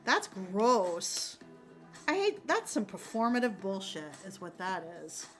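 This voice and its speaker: A middle-aged woman chatting casually as she works on a craft, candid and quick to swear, laughing often and correcting herself mid-sentence. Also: mid-range voice, very animated, soft background music. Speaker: crafter chatting while working. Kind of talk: casual chat.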